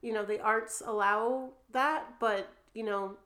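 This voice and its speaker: A woman's voice: on the high side, fairly even intonation, slow pace, a bit bright. A young adult woman with a New Jersey accent, an artist talking casually as a podcast guest, chatty and full of fillers.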